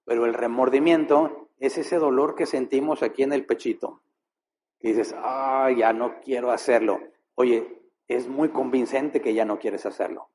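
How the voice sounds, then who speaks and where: A man preaching a sermon as pastor, posing rhetorical questions and shifting his pace and loudness for effect. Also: medium pitch, moderate pace, slight background noise.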